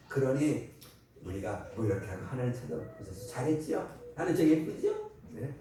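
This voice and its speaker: A male pastor preaching a sermon, swinging from hushed asides to loud cries. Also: medium pitch. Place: church sanctuary. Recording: echoey sanctuary from far off, faint noise.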